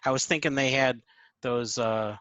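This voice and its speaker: A man talking casually with friends over a video call. His voice is bright and forceful, with a dry, close sound and no room around it. He chats at length and slips into squeaky joke voices. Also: fairly even intonation, normal speed, no room sound, dull audio. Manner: chatty, jumps into squeaky comic impressions. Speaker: podcast co-host.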